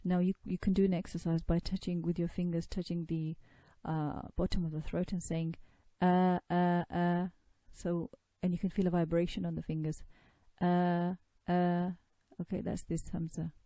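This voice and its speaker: A woman's voice: fairly low pitch, level tone, a little fast, few pauses, dark tone, dry recording. A woman giving a recorded lesson on pronouncing sacred recitation, patiently explaining and demonstrating sounds by drawing out long vowels. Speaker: tajweed teacher.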